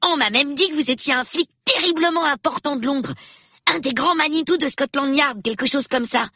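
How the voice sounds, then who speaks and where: Brief: cheeky, high-pitched boy voiced by a woman for an audiobook, quick and eager. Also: bright, forceful tone, dry recording, studio quality. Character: cheeky, excited young boy. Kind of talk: audiobook reading.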